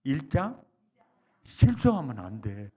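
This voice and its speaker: A male pastor preaching a revival sermon, leading the congregation in call-and-response and swinging from soft lines to loud cries. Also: medium pitch, huge pitch swings, slow, slightly rough. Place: church sanctuary.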